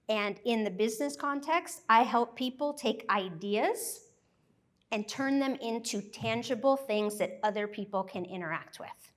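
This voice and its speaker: An American woman who grew up in Thailand, giving a joyful, animated live presentation to a workshop group. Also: on the high side. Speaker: workshop speaker.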